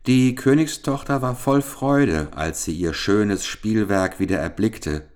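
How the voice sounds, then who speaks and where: A man with a very low voice reads a classic fairy tale aloud for children. He takes his time, pacing each sentence slowly and expressively for young listeners. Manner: slow, measured, expressive. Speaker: storyteller.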